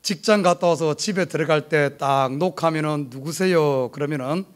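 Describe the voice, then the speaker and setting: A man's voice: on the high side, a little fast. A middle-aged man from South Korea with a Gyeongsang accent, a pastor telling a humorous personal story in a sermon at church. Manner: storytelling with humor, lively and animated. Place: church sanctuary.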